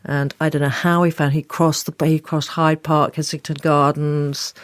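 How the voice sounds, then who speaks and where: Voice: mid-range voice, little pitch movement, moderate pace, no echo, clean studio sound. A podcast host, talking in a chatty, emotional way and restarting phrases. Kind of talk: chatty interview.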